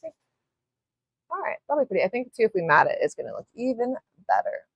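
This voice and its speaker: A woman's voice: a little high, sing-song, fast talker, creaky, no room sound, highs cut off. A woman hosting a live nail art tutorial, chatting casually as she works, rambling, apologizing and swearing a little. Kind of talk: live-stream tutorial chat.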